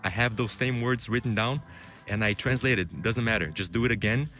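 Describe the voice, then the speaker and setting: A Brazilian man whose native language is Portuguese offers career tips to the camera as a vlogger, speaking quickly and informally with lots of "you know" fillers. His voice is fairly low, bright and forceful, and faint music plays behind him.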